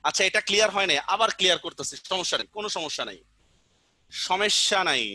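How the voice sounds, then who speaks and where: A man's voice: sits high, lively intonation, fast, bright, forceful tone, no echo. A male teacher giving an online grammar lesson, patiently repeating examples and often asking the class whether they understood. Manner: keeps asking students check questions.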